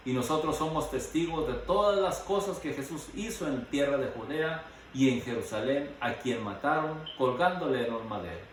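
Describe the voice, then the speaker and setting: A man preaching a sermon, reading Bible passages aloud between his own remarks, pausing now and then with short fillers. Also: mid-range voice. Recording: very echoey hall, mic at a distance, faint noise.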